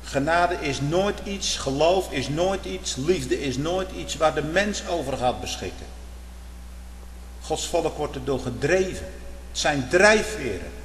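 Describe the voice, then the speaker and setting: A fervent man preaches with a cadence, firing off rhetorical questions and swinging between loud outbursts and low murmurs. His voice rings through a large, echoey hall with a long reverb and a faint hum underneath. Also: expressive, a little slow. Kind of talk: sermon. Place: church.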